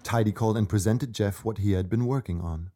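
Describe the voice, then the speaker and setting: A man reads a children's story as narrator. His voice sits fairly low and has a dark, relaxed tone suited to scripted storytelling. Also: fairly quick.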